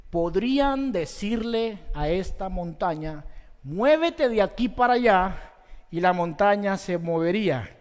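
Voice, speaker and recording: High-voiced pastor preaching in a reverberant hall. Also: male voice. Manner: preaching with sweeping swings between loud exhortation and soft slow emphasis; rhetorical questions to the congregation. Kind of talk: sermon. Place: church hall. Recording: long reverb of a large church hall.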